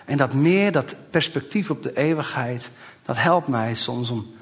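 A man's voice: mid-range voice, a little slow. A man in his forties, a pastor, preaching a sermon in a church, speaking conversationally and building to emphatic exhortation. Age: 40s.

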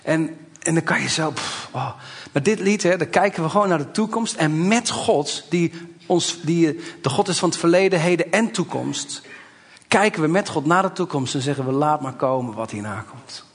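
A man's voice: fairly high pitch, moderate pace. A man in his forties, a pastor, preaching a sermon in a church, speaking conversationally and building to emphatic exhortation. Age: 40s.

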